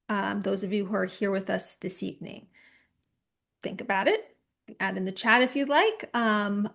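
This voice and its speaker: Female presenter, fairly high voice, warm-conversational workshop delivery on a computer mic. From California. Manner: conversational, reassuring, checks in with listeners. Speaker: psychotherapist and author giving a talk. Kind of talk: online presentation to a support group.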